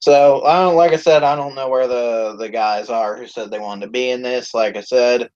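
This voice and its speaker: On his YouTube channel's live stream, a host rambles in casual chat full of swearing and filler words. His mid-range voice has a darkish tone and moves at a normal speed, captured in dull, lo-fi stream audio.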